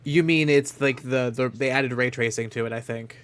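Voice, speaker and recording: A man's voice: medium pitch, fairly even intonation, normal speed, fairly bright tone. A man chatting casually as he streams a game. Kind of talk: casual chat while playing a game. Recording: clear background noise.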